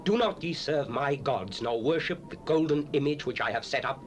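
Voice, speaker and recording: A proud, commanding ancient king from a scripture audio drama, acted by a man. He declaims in an imperious, stately manner with emphatic phrasing. The pitch is middling for a man, and clear noise sits on the old cassette recording. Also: normal speed, natural voice. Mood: menacing demand. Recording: noisy 1970s cassette dramatization.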